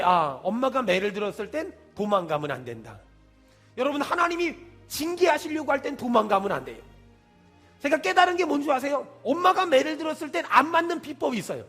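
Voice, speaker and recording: A man's voice: very high voice, big pitch swings, brisk, a bit bright, faint music behind. A middle-aged male pastor preaching in a church, repeating refrains with fervor and mixing in folksy stories addressed straight to the congregation. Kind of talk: sermon. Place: church sanctuary.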